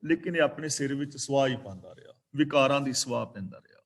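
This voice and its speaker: A man teaching a scripture class, explaining verses in a measured way, slowing down to recite them and to spell out how they are pronounced. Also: medium pitch. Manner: explains pronunciation of scripture carefully. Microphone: online video meeting.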